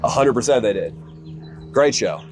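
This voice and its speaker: A man, a stand-up comedian, chatting casually while fishing outdoors, with a deadpan, sarcastic delivery. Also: mid-range voice, normal speed, background noise. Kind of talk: casual chat.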